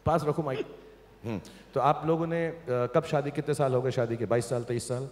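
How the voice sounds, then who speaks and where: A man's voice: medium pitch, steady tone, moderate pace, darkish tone. A man hosting a launch event on stage, teasing and coaxing a couple with playful jokes. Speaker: event host. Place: large event hall. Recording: hall reverb, faint ambience.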